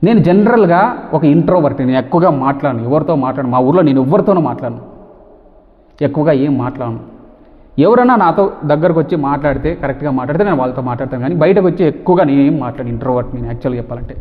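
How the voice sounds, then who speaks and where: A man vlogging to camera, talking fast and forcefully and firing off repeated rhetorical questions. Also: a little high, animated. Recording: tinny phone-like sound with long reverb.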